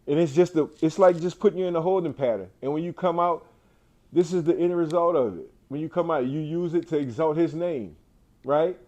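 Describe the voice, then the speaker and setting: Speaking a little fast, this cancer survivor has a slightly high, somewhat mellow voice. He addresses an indoor audience with a faith-driven, inspirational message, preaching emphatically while repeating himself and often starting over.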